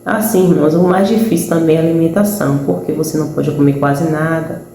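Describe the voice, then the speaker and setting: Woman, Brazilian Portuguese accent, earnest religious testimony, conversational, mellow voice, echoey room. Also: low voice, steady tone, quick pace, slight background noise. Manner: earnest, conversational, addresses listeners as brethren. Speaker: believer giving a testimony.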